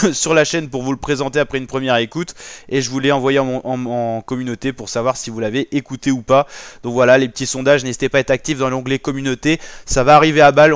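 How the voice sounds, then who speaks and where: Clear-voiced man hosting a casual vlog. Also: medium pitch, no echo. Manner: informal, slangy, addressing viewers directly. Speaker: YouTube channel host.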